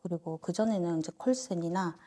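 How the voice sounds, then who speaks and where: A woman in her early thirties answers questions at a reading with short, agreeable replies. Her voice is soft and mellow, with a husky grain, and it is picked up on a lapel mic. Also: lowish voice, a little fast. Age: 30s. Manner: brief, compliant replies. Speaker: client. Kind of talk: answering in a consultation.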